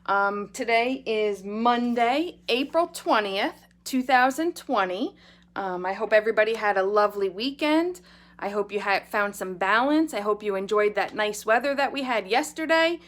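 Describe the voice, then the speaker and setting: A woman's voice: mid-range voice, lively intonation, normal speed, fairly bright tone. A woman speaking as a school principal, giving an earnest, upbeat morning address to children and their families. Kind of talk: morning announcement video address to pupils and parents.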